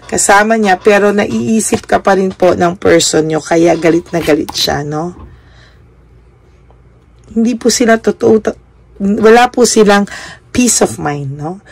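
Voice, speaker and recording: A woman with a gravelly, fry-tinged voice doing a tarot reading for her viewers. She speaks politely and keeps adding a questioning tag to each phrase. Her voice is close and dry, with no room echo. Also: mid-range voice. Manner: polite, adds "po" and a questioning "no?" after almost every phrase. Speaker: tarot card reader.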